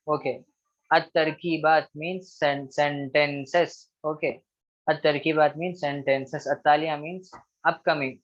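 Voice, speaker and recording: A man with a fairly high voice gives a recorded online Arabic grammar lesson. He patiently repeats each rule and checks in with his students often, and the highs are cut off in the audio.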